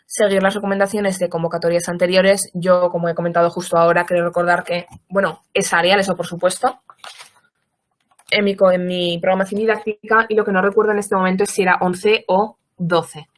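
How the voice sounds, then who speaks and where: Woman teaching online over a computer mic, slightly low voice, calm explaining, corrects herself now and then. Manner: measured, explanatory, with occasional self-corrections. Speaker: teacher giving a training talk. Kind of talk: online lecture answering chat questions.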